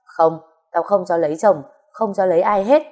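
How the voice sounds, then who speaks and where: A woman's voice: fairly low pitch, normal speed, mellow, close to an everyday voice. A woman reading as a jealous possessive young man. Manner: pleading and possessive.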